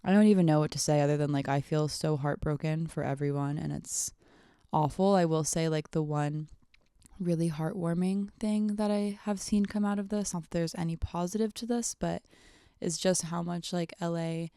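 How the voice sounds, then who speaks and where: A young adult woman, hungover, chatting casually on her solo podcast in a halting, rambling way that often trails off, with vocal fry. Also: fairly low pitch, fairly even intonation, warm tone, dry recording, studio quality. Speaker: podcast host.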